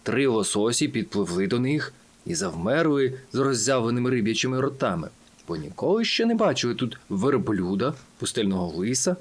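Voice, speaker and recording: A man reading a children's audiobook aloud in an animated, expressive storytelling manner. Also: mid-range voice, brisk. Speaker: audiobook narrator.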